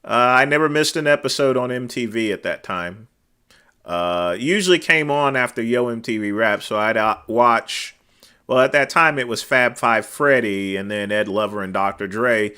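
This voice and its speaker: A man with a mid-range, resonant voice runs a casual livestream from a desk microphone, chatting with viewers and answering their comments at a normal speed. His naturally loud, bright, forceful tone cuts through clearly. He rambles with fillers and lets his phrase endings trail into a mutter.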